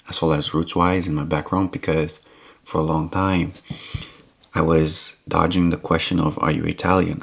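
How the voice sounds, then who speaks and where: A man's voice: sits low, creaky. A man from Romania talking earnestly to the camera in a rambling vlog monologue, often repeating himself. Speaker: YouTube vlogger.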